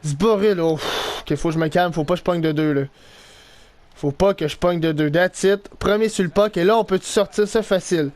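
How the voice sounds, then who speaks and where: A young man with a Québécois French accent giving excitable live commentary over his own hockey video game, swinging between groans and shouts. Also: high voice, moderate pace, no room sound. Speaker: gaming YouTuber.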